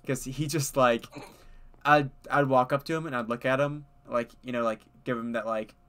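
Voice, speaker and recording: A man's voice: mid-range voice, fairly even intonation, normal speed, fairly bright tone, smooth. Young male streamer, clean ringing voice, casual rambling chat with laughs. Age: young adult. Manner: rambling, laughs often, many fillers. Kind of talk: casual chat while gaming.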